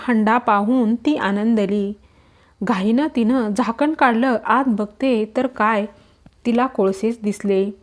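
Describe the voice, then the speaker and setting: A woman slowly reading aloud a devotional story in a measured, solemn manner. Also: on the high side.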